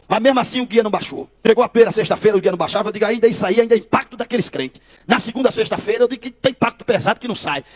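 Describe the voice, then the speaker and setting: A Brazilian man with a very high voice tells his testimony at a quick clip. He acts out the exchanges in quotes and keeps turning to his listeners as brothers, in the manner of a preacher. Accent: Brazilian Portuguese. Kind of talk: testimony storytelling.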